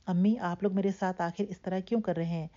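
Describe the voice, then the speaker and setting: A woman narrator voicing a young woman who speaks calmly and firmly to her family, on a dull lo-fi recording. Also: fairly low pitch, natural voice. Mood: helpless. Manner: calm, firm, then helpless.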